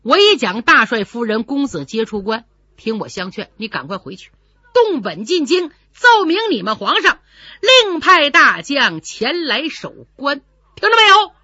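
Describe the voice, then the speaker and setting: Woman putting on a cocky strong male general, boastful and mocking, lively up and down pitch, a little husky, dull lo-fi. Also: unhurried, no echo, exaggerated voice. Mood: lecturing. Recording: dull lo-fi recording.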